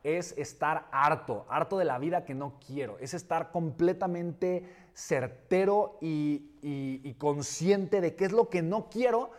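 A man's voice: on the high side, a little slow. A man giving a motivational talk, emphatic and repeating key words, often asking if he is understood. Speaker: motivational speaker.

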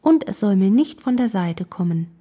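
A woman voicing a capricious, imperious young noblewoman in an audiobook, with a breathy, mellow voice. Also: expressive, moderate pace. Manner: bossy, wheedling, high-spirited. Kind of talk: audiobook character reading.

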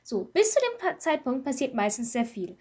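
A woman co-hosting a podcast in casual chat, talking in an animated, rambling way and laughing often. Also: high-pitched, normal speed, slightly rough. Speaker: podcast co-host.

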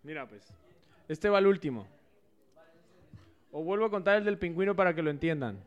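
A man's voice: a little high, lively intonation, a little fast, lo-fi sound. A man guest in casual chat, telling jokes playfully and hamming up voices. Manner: playful, hams up joke voices.

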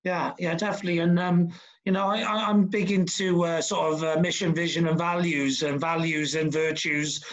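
A Welsh-accented podcast host chats casually over a video call, his voice on the high side with a steady tone and moderate pace. He uses lots of fillers and restarts.

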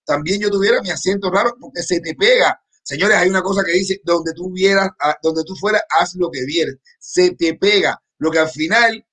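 A man from Cuba co-hosting a casual livestream, talking to the viewers in a lively way. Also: sits high, normal speed, few pauses. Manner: lively, addresses viewers as "señores". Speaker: co-host. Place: in Miami.

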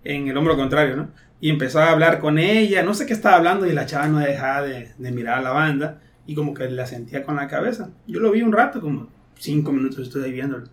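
A man with a Mexican accent speaks in a high register as a podcast guest. He tells stories in a loose, slangy way. He acts out other people's lines with lively energy. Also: quick pace. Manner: animated, slangy, quotes friends in lively asides. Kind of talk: casual storytelling.

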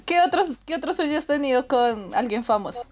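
A woman, co-hosting a podcast and telling a story in an animated way, laughing often. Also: sits high, a little fast, muffled recording, soft background music. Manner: animated, laughs often, lively quoted voices. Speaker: podcast co-host. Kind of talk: casual chat, storytelling.

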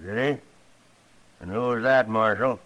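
An actor playing a mean, threatening older rancher in a 1950s radio drama, gruff and contemptuous. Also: male voice, fairly low pitch, unhurried, fairly bright tone, poor audio. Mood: menacing.

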